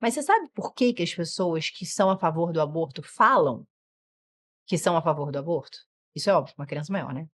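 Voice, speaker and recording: A woman's voice: sits low, a little fast. A middle-aged woman with a Brazilian Portuguese accent, teaching a parenting course and acting out what children and parents say. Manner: animated, acts out children's and parents' lines in shifting voices. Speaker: parenting educator. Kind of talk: online course lesson.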